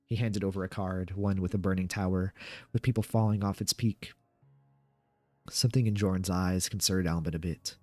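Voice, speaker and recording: A man reading a scripted horror story aloud in a measured, subdued storytelling manner. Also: sits low, steady tone, a little mellow, no echo, soft background music.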